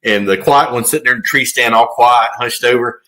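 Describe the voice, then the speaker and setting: A man's voice: mid-range voice, brisk, sharp tone. A man co-hosts a fishing podcast in an easygoing, conversational way, with a mid-range voice. He tells stories with humor and laughs along with his guests. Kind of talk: casual podcast chat.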